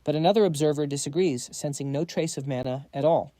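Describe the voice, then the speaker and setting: A man's voice: a little high, quick pace, mellow, no echo. A man narrating a scripted story recap, dropping quips to the audience.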